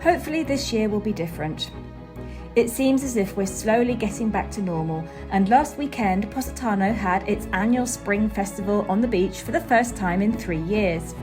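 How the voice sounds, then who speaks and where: A woman's voice: mid-range voice, expressive, normal speed. Woman narrating a vlog over music. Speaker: vlogger.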